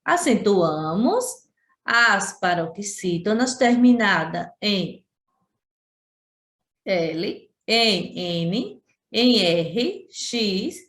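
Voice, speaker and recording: A woman's voice: mid-range voice, sing-song, very slow, a bit bright. A woman teacher from Sergipe with a Brazilian Portuguese accent, giving a remote class lesson and patiently repeating and stressing syllables. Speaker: schoolteacher. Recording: roomy echo.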